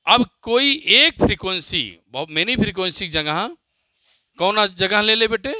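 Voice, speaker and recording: A man with an Indian accent teaching physics, dictating definitions slowly, repeating phrases and quizzing his students. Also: high voice, expressive, bright, forceful tone, no room sound. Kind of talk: classroom lecture with dictation.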